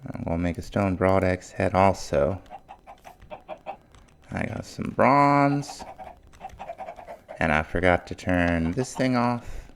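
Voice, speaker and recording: Low gravelly guy doing a slow let's play, mumbly and laid back, faint music behind. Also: slight background noise. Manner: relaxed, thinking aloud, mumbling. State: morning voice. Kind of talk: casual gameplay commentary.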